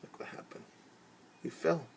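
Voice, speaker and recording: A man whispers a story in a darkish tone, playing a teacher to young children; he's theatrical, pausing to explain words simply and acting out sounds.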